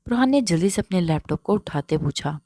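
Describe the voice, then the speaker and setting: A woman narrating a romance novel in a steady, even reading voice. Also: fairly low pitch, dry recording, studio quality. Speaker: audiobook narrator.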